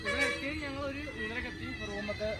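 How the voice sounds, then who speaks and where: Very fast-talking Malayali man, English mixed in. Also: extremely high pitch, music in the background. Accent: Kerala Malayali. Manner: mixes English words into Malayalam. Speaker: travel companion. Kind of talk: casual chat. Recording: echoey, noisy outdoor vehicle ambience.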